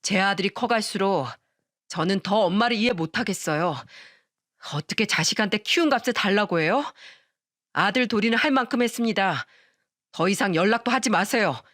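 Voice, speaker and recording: A woman's voice: mid-range voice, animated, moderate pace, no room sound, studio quality, natural voice. A woman voicing a fed-up husband in a radio story, speaking sharply and firmly. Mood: cold. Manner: sharp, firm. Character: fed-up husband cutting off his mother.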